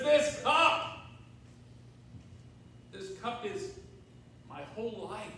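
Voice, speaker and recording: Standing at the pulpit in a big church sanctuary, an older American man preaches in a conversational style, repeating phrases, pausing for emphasis, posing rhetorical questions, and checking in with the congregation. His voice is high and fairly bright. The recording comes from a distant camera in the room, very echoey with faint noise.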